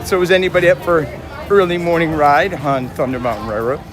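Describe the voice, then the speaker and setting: Man, hoarse rasp, fairly high pitch, chatty walking livestream, outdoors, music in background. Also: steady tone, fairly quick. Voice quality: raspy voice. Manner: chatty, addressing viewers and passersby. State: hoarse from yelling at a concert. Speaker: live stream host. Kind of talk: casual walk-and-talk livestream. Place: outdoors in a busy theme park. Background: music, outdoor park and vehicle sounds.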